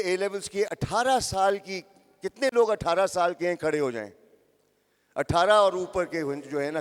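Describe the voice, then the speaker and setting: Slow, echoing older man addressing a hall. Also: high voice. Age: 60s. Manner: interactive, addresses the crowd and repeats phrases for emphasis. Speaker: motivational speaker. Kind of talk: motivational talk to young audience. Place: large hall with live audience. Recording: echoey hall.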